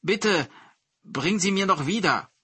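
A man's voice: high-pitched, expressive, slow pace, pushed and bright, slightly rough, no echo, pitched above the performer's own voice, heavily acted. A man voicing an envious, scheming male woodcutter who grumbles and wails theatrically. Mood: fake wailing.

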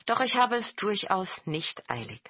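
A woman's voice: medium pitch, sing-song, moderate pace, no room sound, dull audio, voice pushed up. A woman voicing a polite, earnest youngest son in a fairy tale.

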